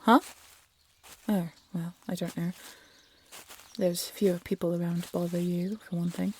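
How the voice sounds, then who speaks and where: In a fantasy audio drama, a woman plays a guarded, defiant peasant huntress, delivering lines casually with a wry, sardonic edge. Her lowish voice is level, unhurried and a little mellow, with a faint hiss or hum.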